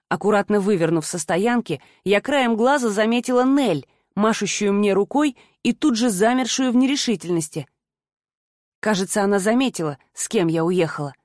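Casting: woman audiobook narrator, medium pitch, steady first-person storytelling, dry close mic. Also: no echo.

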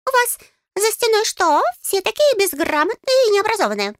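A woman voicing a tiny male fairy in an audiobook, squeaky, pompous and greedy, with a bossy, indignant manner. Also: sing-song, moderate pace, a bit bright, no echo, clean studio sound, heavily acted. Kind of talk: audiobook character voice.

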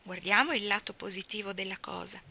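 A woman's voice: mid-range voice, steady tone, brisk, pushed and bright, husky. A woman voicing a talkative, imaginative orphan girl who speaks effusively and theatrically. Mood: eager.

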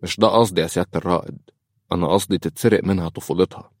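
A man's voice: low voice, very fast, no echo, clean studio sound. A man with an Egyptian accent playing a worried, protective clinic director and doctor. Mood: earnest.

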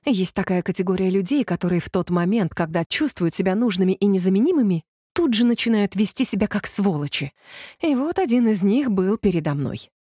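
A woman's voice: medium pitch, expressive, fairly quick, dark tone, slightly rough, no echo, clean studio sound. Woman narrating a first-person story. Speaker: audiobook narrator.

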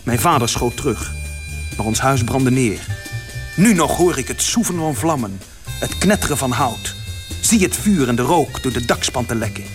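A man reading a first-person literary story aloud as narrator, with dramatic delivery that swells in its louder passages. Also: medium pitch, expressive, normal speed, over music.

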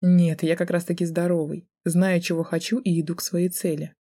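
A woman narrator voicing a mocking, menacing young male student in an audiobook, speaking low and soft in a taunting way. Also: level tone, normal speed. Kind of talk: audiobook character voice.

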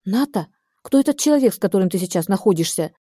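A woman's voice: mid-range voice, normal speed, dark tone, no room sound, studio quality, close to an everyday voice. A woman reading the part of a frantic, furious young woman on the phone, pleading and hysterical.

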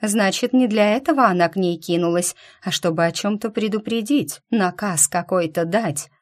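A woman voicing a stubborn, fussy middle-aged witch mother with a chatty, slightly husky voice. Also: mid-range voice, normal speed, lightly acted.

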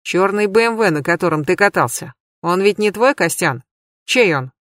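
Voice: medium pitch, lively intonation, moderate pace, fairly bright tone, no room sound, clean studio sound, close to an everyday voice. A reader doing a curt, sarcastic police colonel. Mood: stern. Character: stern mocking male police colonel. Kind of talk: audiobook character reading.

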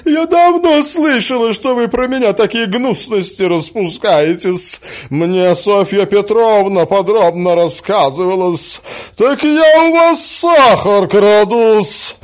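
A man voicing a shrill, quarrelsome provincial lady who squeals indignant insults and adds a fawning "-s" to her words. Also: lively intonation, slow.

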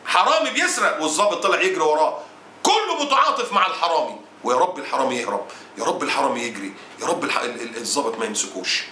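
A man's voice: fairly high pitch, animated, rapid-fire, pushed and bright, a little hiss or hum. A man preaching a sermon with an Egyptian Arabic accent, in a fiery, indignant, scolding way. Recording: roomy echo.

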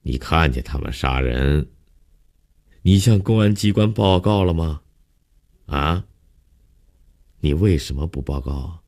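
A man voicing a stern middle-aged police captain in an audiobook, scolding and padding his talk with drawn-out fillers. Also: very deep voice, lively intonation, exaggerated voice. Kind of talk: audiobook character voice.

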